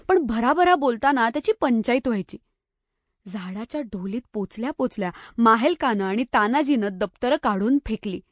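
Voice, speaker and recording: A woman reads a children's mystery audiobook aloud with lively storytelling. Her voice sits fairly high, and the recording is close and dry. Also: no room sound. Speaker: audiobook narrator. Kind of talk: scripted narration.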